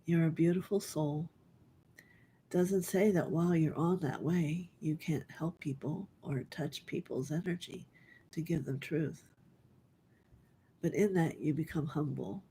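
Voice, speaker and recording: A middle-aged woman giving a live online spiritual reading to her callers. She speaks softly and gently, often dropping into a breathy half-whisper. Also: low voice, measured pace, a little hiss or hum. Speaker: spiritual reader.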